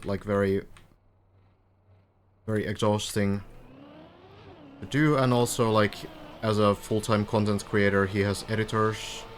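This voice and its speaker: A relaxed Finnish native speaker comments on a game during a live stream, chatting with viewers and laughing lightly as he answers them. His pitch is fairly low, and there's a little hiss or hum in the audio.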